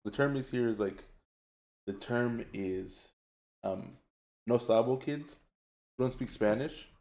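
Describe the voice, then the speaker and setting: A man's voice: mid-range voice, slow pace, gravelly, a little mellow. A man chatting casually, rambling and hesitant, with many fillers. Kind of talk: casual chat.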